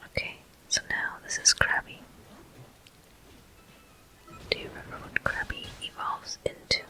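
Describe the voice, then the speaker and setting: Someone whispers ASMR-style through a video game, like a gameplay host narrating. The whisper is soft, breathy, very bright and sibilant, with almost no voiced tone, and comes in short, deliberate, unhurried phrases. The audio quality is poor.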